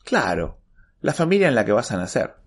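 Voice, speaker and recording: Guy doing a soft hushed granny clerk, argentine accent, sweet and calm, swoopy. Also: medium pitch, brisk, breathy edge. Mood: gentle. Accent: Argentine Spanish. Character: sweet serene grandmotherly old woman clerk.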